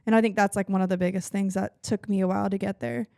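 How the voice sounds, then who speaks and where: A young woman country singer with a raspy, low voice, chatting casually as a guest and trailing into vocal fry at the ends of sentences. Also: level tone, quick pace, a little mellow, no echo, clean studio sound. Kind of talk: casual chat.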